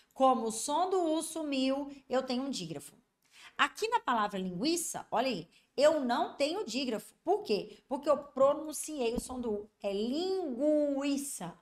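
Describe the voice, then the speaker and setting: A Brazilian woman teaching a Portuguese grammar lesson for exam candidates. She keeps checking that students follow and draws out example words slowly. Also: high voice, expressive. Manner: repetitive, constantly checking understanding.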